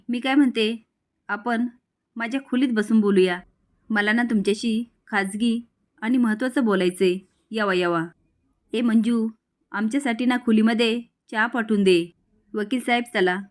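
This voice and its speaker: Woman recapping a serial, even storyteller's delivery, mid-pitched. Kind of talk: reading out a serial recap, quoting each character.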